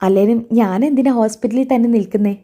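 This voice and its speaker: A woman reading the part of a gentle middle-aged mother who softly deflects questions. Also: a little high, fairly quick, close to an everyday voice. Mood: evasive.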